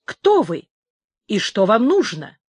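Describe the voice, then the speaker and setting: A woman's voice: mid-range voice, wildly swooping pitch, takes it slowly, darkish tone, husky, dry recording, exaggerated voice. A woman voicing a wary male yard worker who questions a stranger bluntly, in a story reading.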